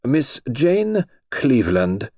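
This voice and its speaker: A man's voice: medium pitch, big pitch swings, slow, darkish tone, no echo, studio quality, pitched above the performer's own voice. A male narrator voicing a stout, dignified older princess who is solemn and fussy. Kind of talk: audiobook character voice.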